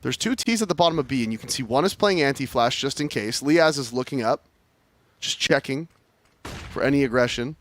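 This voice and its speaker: A man's voice: medium pitch, animated, a little fast, a bit bright, a little hiss or hum. A man working as an esports caster, explaining and calling live match action in short clipped phrases. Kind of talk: live esports analysis and play-by-play commentary.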